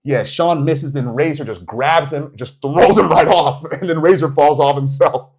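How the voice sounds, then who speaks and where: A man co-hosting a podcast, telling wrestling stories in a casual, animated way. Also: a little high, normal speed, breathy edge. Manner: animated storytelling, quotes wrestlers. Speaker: podcast co-host. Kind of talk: casual chat.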